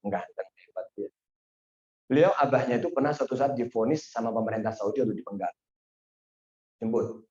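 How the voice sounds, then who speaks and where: A man giving a sermon, telling a story and acting out its dialogue with sudden high exclamations. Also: mellow. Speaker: preacher. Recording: dull, roomy lo-fi recording.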